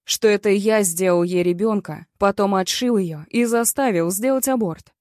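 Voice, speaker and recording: A woman's voice: medium pitch, moderate pace, darkish tone, dry recording, studio quality. Woman reading a blunt, bitter story. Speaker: audiobook reader. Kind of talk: first-person story narration.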